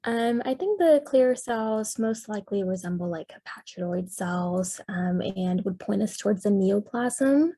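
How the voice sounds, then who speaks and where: A woman's voice: mid-range voice, expressive, unhurried, few pauses, mellow, no room sound. A woman resident answering questions in a case review over a video call, thinking aloud tentatively with many ums. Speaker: dermatology resident.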